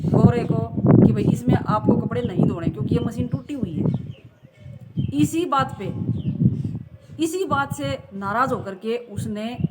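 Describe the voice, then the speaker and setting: A woman's voice: fairly high pitch, a little slow. Indignant woman vlogger, noisy. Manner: indignant, scolding, rhetorical questions. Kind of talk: impassioned talking-to-camera rant. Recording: loud background noise.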